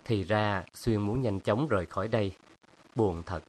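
A man's voice: on the low side, normal speed, darkish tone, natural voice. A man reading the lines of a moody, sardonic young painter in a storybook, speaking tersely.

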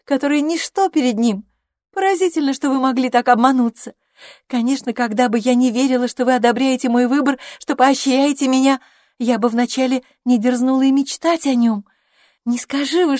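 A woman voicing an excitable, naive young woman who speaks in a high, gushing rush. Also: no echo, clean studio sound, lightly acted.

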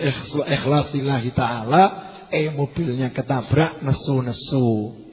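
Male preacher, Javanese accent, quiet restrained delivery, dull lo-fi hall recording. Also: a little high. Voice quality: softened, quiet voice. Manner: questions the audience, mixes local words. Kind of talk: sermon.

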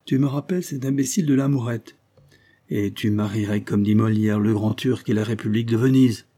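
A man voicing a big, hearty revolutionary leader in an audiobook, with a booming, overbearing voice. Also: brisk, mellow, lightly acted. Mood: boisterous. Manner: hearty, overbearing, tipsy bonhomie. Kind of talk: audiobook character voice.

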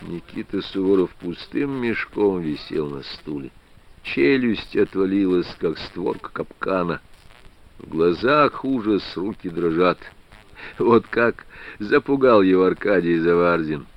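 A man narrating a story as an audiobook reader, telling it expressively. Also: a little slow. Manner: expressive storytelling with a lively pitch. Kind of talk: scripted narration. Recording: dry, slightly dull studio reading.

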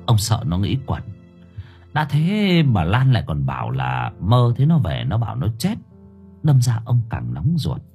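A man narrating an audiobook story in a dramatic, expressive way. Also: lowish voice, measured pace. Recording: faint music underneath.

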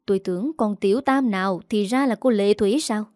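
A woman's voice: medium pitch, brisk, a little mellow, dry recording, clean studio sound, lightly acted. Woman voicing a scornful, scolding young man. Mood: threatening. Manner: contemptuous, scolding. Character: angry younger man confronting his uncle.

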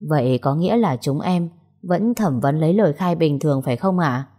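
A deferential junior male police officer in an audio story, asking for orders politely and hesitantly. The voice is low and husky. A woman narrator acts him out. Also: animated, normal speed, mellow.

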